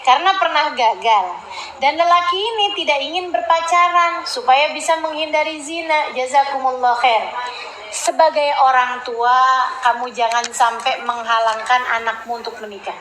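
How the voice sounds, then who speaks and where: A high-voiced woman preacher from Indonesia answers questions in a casual, chatty sermon, teasing her listeners as she goes. Her voice echoes around a roomy space. Faint ambient noise sits behind her. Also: normal speed, fairly bright tone. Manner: chatty, teasing, laughing asides.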